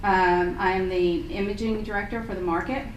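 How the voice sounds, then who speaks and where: A woman's voice: medium pitch, moderate pace, dull audio. A middle-aged woman, a hospital imaging director speaking off the cuff at a county meeting in a friendly, chatty way full of ums. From Sequatchie Valley, Tennessee. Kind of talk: unprepared public remarks. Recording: echoey hall, distant mic, steady hiss.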